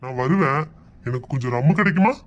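A cheeky drunk village man, voiced by a woman teases. His voice swoops up and down in a lively way as he jokes, loose and playful with drink. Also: rumbling low, quick pace, highs cut off. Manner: cheeky, teasing drunk talk.

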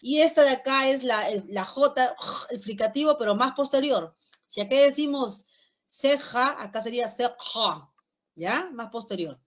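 A woman's voice: high-pitched, animated, normal speed, fairly bright tone. A woman from Lima with a Peruvian accent, teaching a class and demonstrating speech sounds aloud, checking in with her students often. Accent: Peruvian Spanish (Lima). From Lima, Peru. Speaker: lecturer. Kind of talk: online class lecture.

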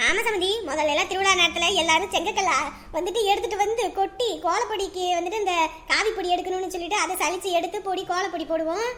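A woman's voice: very high-pitched, fast, fairly bright tone. A middle-aged woman acting as a caring, bossy mother-in-law in a family drama. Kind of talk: family web series acting.

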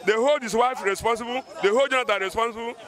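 A middle-aged man speaks in a very high voice, pressing the same complaint again and again. He talks into a handheld mic on a busy street, with a crowd chattering clearly behind him. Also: fast talker. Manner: emphatic, repetitive complaint. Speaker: passer-by interviewed in the street. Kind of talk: street vox pop opinion. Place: busy city street outdoors. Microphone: handheld mic held by interviewer.

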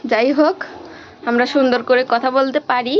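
A woman's voice: high voice, steady tone, moderate pace, lo-fi sound, a little hiss or hum. A woman vlogger with a Pabna Bengali accent, chatting casually to viewers while showing picnic cooking at home. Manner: chatty, addresses viewers directly. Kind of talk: casual vlog tour in regional dialect.

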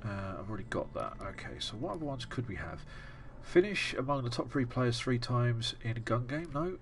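A gaming streamer and dad comments live on his play, joking with family and muttering to himself as he moves through menus. His medium-pitched voice has a sing-song lilt at a normal speed, and there's a little hiss or hum in the audio.

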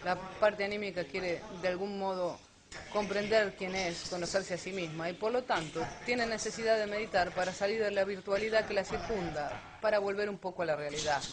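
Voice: mid-range voice, brisk. Explaining speaker over crowd noise. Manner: explanatory, rhetorical questions. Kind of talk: lecture on alien abduction.

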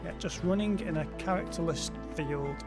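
A man's voice: on the high side, moderate pace. A man hosting a let's play, commenting casually on the game with wry, offhand asides. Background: game music.

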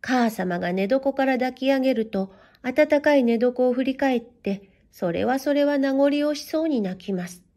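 A woman reading a children's story aloud in gentle, measured, old-fashioned storybook narration. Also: high-pitched, lively intonation.

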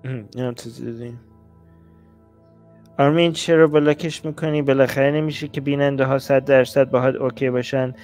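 A man's voice: mid-range voice, fairly even intonation, a little mellow, soft background music. A man hosting a reaction commentary on clips, blunt and exasperated, his voice rising as he gets heated. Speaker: host.

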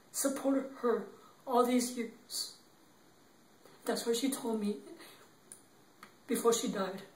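An actor playing a young man who gently consoles his grieving girlfriend, speaking in a halting, tearful, repetitive way. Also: extremely high pitch. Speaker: actor in an improv demo reel. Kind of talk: improvised dramatic monologue. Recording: roomy, distant from the mic.

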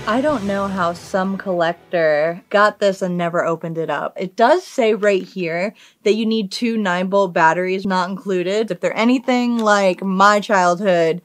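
In a small indoor hobby studio room, a woman in her thirties chats casually and enthusiastically to camera as a hobby video host, using slangy, informal language. Her medium-pitched voice is unhurried with hardly any pauses, over soft background music.

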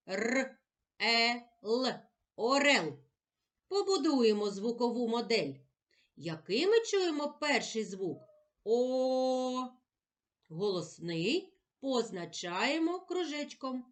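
A woman teacher with a Ukrainian accent giving a children's reading lesson, slowly sounding out letters and syllables. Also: a little high. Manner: slow, clear, sounding out syllables for young children.

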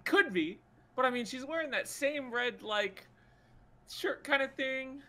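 A man's voice: extremely high pitch, lively intonation, a little slow, bright, forceful tone. A man chatting casually while playing a game, joking, swearing freely and laughing a lot, with game music behind. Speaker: let's play gamer. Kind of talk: casual gaming chat.

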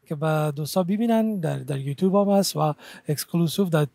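A man's voice: fairly high pitch, gravelly, mellow, no echo. A man with an Afghan Dari accent, a singer and TV guest, talking in a hesitant way with many fillers. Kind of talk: casual TV chat. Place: TV studio.

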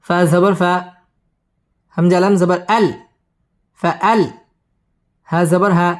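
Slow, chanting male tajweed teacher. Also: sits high, level tone. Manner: measured, drawn-out chanting of each syllable. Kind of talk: slow letter-by-letter spelling and melodic recitation.

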